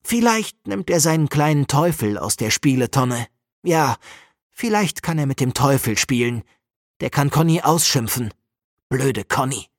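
A woman narrating a children's audiobook with a lively, expressive reading. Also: low voice, normal speed, no echo, clean studio sound. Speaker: storyteller.

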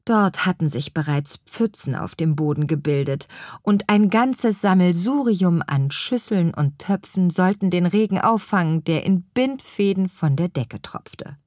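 A woman reading a children's story aloud in a gentle, lively storytelling manner. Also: lowish voice, a little slow, no echo, clean studio sound.

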